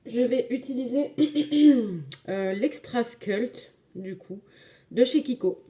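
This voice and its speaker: Mellow-voiced woman chatting through makeup. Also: on the high side, animated, slow, slight background noise. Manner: chatty, filler-heavy, enthusiastic about products. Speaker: makeup tutorial creator. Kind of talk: casual makeup tutorial talk.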